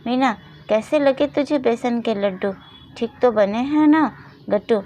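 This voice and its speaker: A harsh, taunting stepmother scolds sharply in a fairly high voice, voiced by a woman reading a storybook. Her manner is shrill and mocking. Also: measured pace, dark tone, lightly acted. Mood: scolding. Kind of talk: storybook narration with voiced roles.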